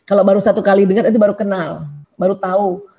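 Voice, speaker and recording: A woman's voice: medium pitch, fairly even intonation, quick pace, mellow. A middle-aged woman, a doctor, giving a religious parenting talk to parents, chatty and full of "ya" tags, often acting out quoted voices.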